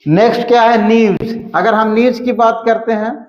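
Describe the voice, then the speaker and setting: A man teaching English grammar, explaining slowly and repeating words as he writes out examples. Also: very high-pitched, steady tone, a little mellow. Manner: slow, repeats words while writing examples. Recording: echoey room, dull lo-fi sound.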